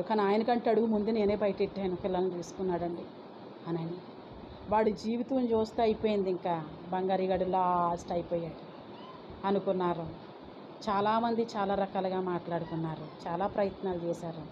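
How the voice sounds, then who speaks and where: A woman's voice: medium pitch, steady tone, a little fast. A woman, a pastor's wife, telling a dramatic testimony in a sermon and scolding her listeners. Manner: scolding, dramatic storytelling with acted quotes. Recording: dull lo-fi recording with faint noise.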